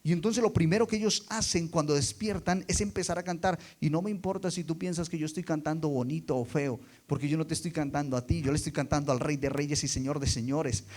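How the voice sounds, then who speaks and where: A man preaching a sermon, dropping quiet and then rising loud for emphasis, and putting rhetorical questions to the congregation. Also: fairly high pitch, fast, hardly any pauses. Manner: expressive, swings between soft and loud for emphasis.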